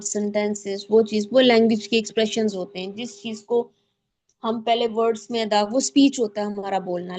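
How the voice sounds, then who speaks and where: Female guest lecturer, slightly high-pitched, patient explainer who repeats and restarts phrases. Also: a little mellow. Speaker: guest speaker, child psychologist.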